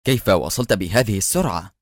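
A boastful, tense male criminal agent with a low, lively voice, read by a man for an audiobook thriller. He snaps his words out sharply. The sound is close and dry. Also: fairly quick, no room sound, natural voice. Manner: sharp and agitated.

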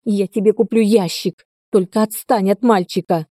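A woman's voice: mid-range voice, steady tone, normal speed, warm tone, no echo, clean studio sound, natural voice. A woman voicing a hysterical, doting middle-aged mother who shrieks and wails over her son. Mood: shrill hysterical. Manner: shrieking, wailing.

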